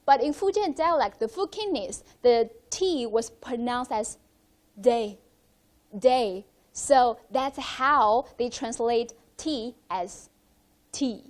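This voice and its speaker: High-voiced woman guiding a museum tour. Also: slow. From China. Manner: conversational, often asks the viewers questions. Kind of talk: live museum walkthrough. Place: indoor museum exhibition hall.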